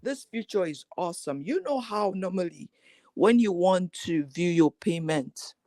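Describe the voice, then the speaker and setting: A woman joining a casual livestream chat over a remote call, talking in a lively, chatty way and laughing often. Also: lowish voice, unhurried, no room sound. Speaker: guest YouTuber.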